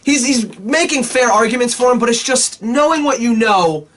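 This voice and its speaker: A man's voice: extremely high pitch, expressive, moderate pace, a bit bright. A man co-hosting a film review podcast, talking casually and animatedly, swearing often.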